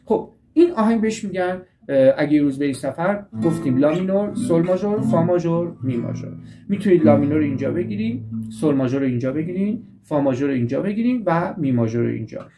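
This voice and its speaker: Walking learners through chord shapes, a man with a slightly high, expressive, dark-toned voice teaches guitar with patience. Each step gets repeated and restated, and a guitar can be heard playing behind him.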